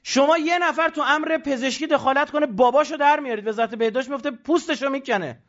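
A man giving an animated religious lecture, emphatic and rhetorical, now and then mimicking the voices of others. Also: very high voice, dull audio.

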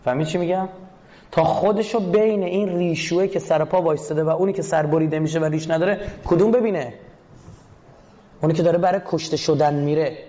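A man's voice: fairly high pitch, warm tone, highs cut off. A man lecturing as a media critic, who keeps asking his audience questions and answering them himself. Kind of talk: lecture analysing a film clip.

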